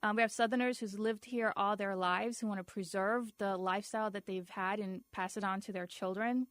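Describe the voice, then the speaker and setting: A woman with a medium-pitched voice in a close, dry recording. She speaks conversationally as an interviewed community advocate, plainspoken and firm in setting out her points. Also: fairly even intonation, fairly quick, fairly bright tone, no room sound. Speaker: community group vice chair being interviewed.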